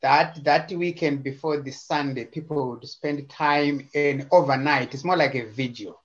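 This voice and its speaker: A man from Zimbabwe speaks over a video call, his voice pitched a bit high for a man. He talks in a casual, halting way, restarting and repeating words. The call audio sounds somewhat dull and muffled. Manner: hesitant, frequent repetitions and fillers. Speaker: interview guest.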